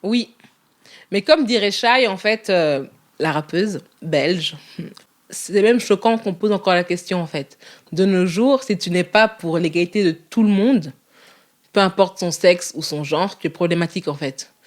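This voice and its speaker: A young woman in a casual interview, talking candidly in a quick, lively way and laughing often. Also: on the low side.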